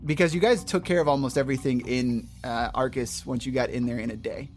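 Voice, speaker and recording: A man narrating a tabletop game as game master, describing scenes in a halting, deliberate way. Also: mid-range voice, fairly even intonation, faint music behind.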